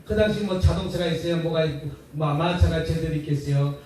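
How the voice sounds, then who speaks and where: In a prayer house hall, a male pastor preaches a folksy revival sermon, posing rhetorical questions and call-and-response lines that get the congregation answering. His voice is fairly high, steady and mellow, a touch fast. The recording comes from a distant mic in a very echoey hall with faint noise.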